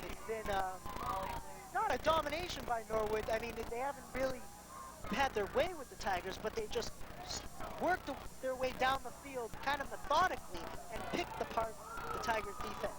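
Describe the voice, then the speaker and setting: A high-voiced woman gives live football play-by-play in the manner of an excited touchdown call. She works as the game announcer, and clear ambient noise surrounds her voice. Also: moderate pace. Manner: calls rise to excited shouts on big plays. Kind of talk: live sports commentary with excited touchdown calls. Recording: noisy live outdoor game recording.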